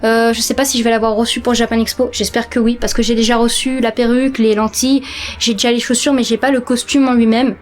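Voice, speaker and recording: A woman's voice: a little high, little pitch movement, fast, faint music behind. A young woman in her late teens, talking casually in a vlog from her bedroom, chatty and hesitant with many fillers. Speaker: vlogger.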